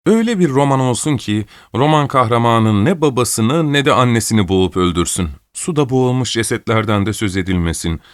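A man's voice: medium pitch, animated, brisk, few pauses, dry recording, clean studio sound, pitched above the performer's own voice, natural voice. A man reading an audiobook, voicing an old, imperious countess who scolds and gives orders. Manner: scolding, commanding, querulous.

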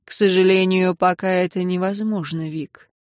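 A woman reading an audiobook and voicing a weary male emperor who speaks low, restrained and quietly bitter. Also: fairly even intonation, normal speed, clean tone, no echo, clean studio sound, natural voice. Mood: firm.

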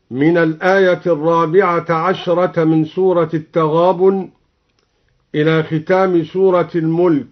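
A man with a notably high voice gives a formal explanation of recitation readings. He speaks in a measured, deliberate way and breaks into slow melodic chant for his examples. The sound is dull, like an old radio archive recording.

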